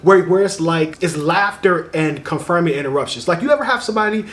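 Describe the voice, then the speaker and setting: High, animated young man giving dating advice. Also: brisk. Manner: animated, chatty, laughs while talking. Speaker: dating vlogger. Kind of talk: casual advice vlog.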